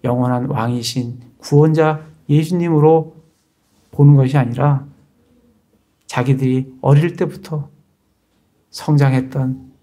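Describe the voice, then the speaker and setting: In this sermon, the pastor, a man with a warm, mellow voice at normal pitch, speaks steadily and unhurriedly, leaving long pauses. He addresses the congregation as if in conversation, repeatedly posing rhetorical questions.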